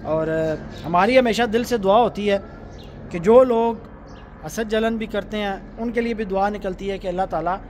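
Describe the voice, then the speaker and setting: A man's voice: high-pitched, normal speed, darkish tone, a little hiss or hum. A man walking through his bird farm and listing costs in a plain, matter-of-fact way. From Pakistan. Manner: plain, matter-of-fact, listing costs, speaks with rising fervor when preaching. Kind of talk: casual vlog walkthrough.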